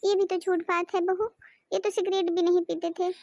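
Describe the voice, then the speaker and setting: A stout elderly mother-in-law, voiced by a woman, with a very high, squeaky voice. She wails and scolds with a hot temper in this cartoon. The sound is close and dry. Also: flat delivery, normal speed, a little mellow, no echo, dull audio. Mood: fretful. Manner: wailing, scolding. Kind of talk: cartoon voice acting.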